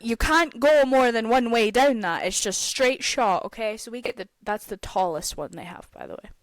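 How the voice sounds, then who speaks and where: A young woman casually telling a story on a podcast, animated and swearing freely, often checking in with "okay?". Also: a little high, normal speed, no room sound. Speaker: podcast host.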